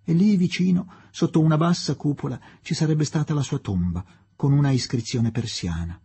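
A man reading an audiobook as narrator, telling the story in a measured, expressive way. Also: fairly high pitch, husky. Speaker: audiobook reader. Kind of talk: scripted narration.

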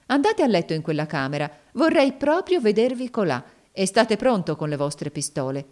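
A woman's voice: medium pitch, sing-song, normal speed, darkish tone, natural voice. A woman voicing a cold, mocking woman who taunts her master in a dramatic audiobook reading. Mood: mocking, taunting. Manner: scornful, sneering.

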